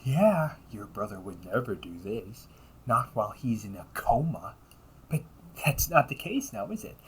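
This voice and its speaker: In a noisy amateur home recording of an audio roleplay, a man plays an earnest, weary older brother who time-traveled and turned villain. His lowish voice is sing-song and a bit bright, and he speaks haltingly and reassuringly, often sinking to a breathy near-whisper.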